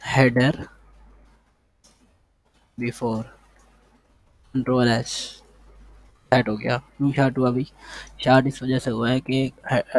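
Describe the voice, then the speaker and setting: Flat-voiced man thinking aloud while coding. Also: medium pitch, no echo. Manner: thinks aloud while typing, repeats words, talks to the code. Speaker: coding tutor. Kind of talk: casual screen-share coding lesson.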